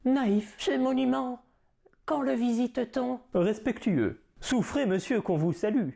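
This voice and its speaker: A man's voice: extremely high pitch, unhurried, vocal fry, mellow, pitched above the performer's own voice, heavily acted. Proud swordsman-poet, hammy stage acting, witty, theatrical verse monologue, grand declamation. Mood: mock-theatrical, flamboyant. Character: proud, witty male swordsman-poet declaiming about his huge nose.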